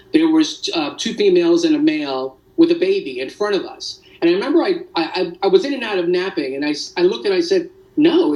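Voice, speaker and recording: A father giving a halting, emotional account in a remote news interview, with many restarts. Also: high-pitched, a little mellow, far from the mic, rough recording.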